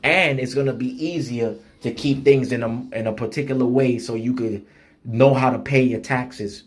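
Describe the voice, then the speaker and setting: Blunt man preaching an online sermon. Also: medium pitch. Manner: slows down and reads scripture with emphasis; blunt, street-style preaching with rhythmic repetition. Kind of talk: online sermon with scripture reading.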